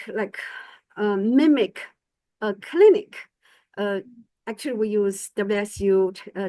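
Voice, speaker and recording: A middle-aged woman from China, whose first language is Chinese, gives a conference presentation as medical faculty. Her mid-range voice, in a dry recording, is hesitant, with many fillers and restarts.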